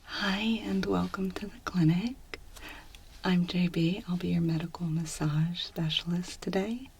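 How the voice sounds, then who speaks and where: A woman in a whispered role-play, speaking as a gentle clinic examiner in a soft, reassuring, step-by-step manner. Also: on the low side, fairly even intonation, a little slow, a little hiss or hum. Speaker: ASMR performer playing a clinician.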